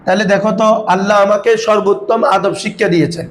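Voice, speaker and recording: A man's voice: sits high, steady tone, fast, low-quality recording. A man teaching Arabic grammar to a class, often quizzing his students and calling them "baba". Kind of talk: classroom lesson.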